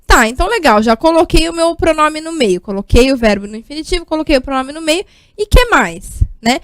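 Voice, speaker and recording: Brazilian woman, grammar lesson, high voice, explanatory, checks in with listeners, dry recording. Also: animated, a little fast, no echo. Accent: Brazilian Portuguese. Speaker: Portuguese grammar teacher.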